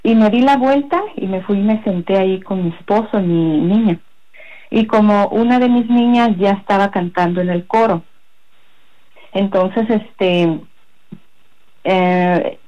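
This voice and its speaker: A woman giving a personal religious testimony in a halting, rambling way, full of fillers. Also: mid-range voice, highs cut off. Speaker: guest giving a faith testimony.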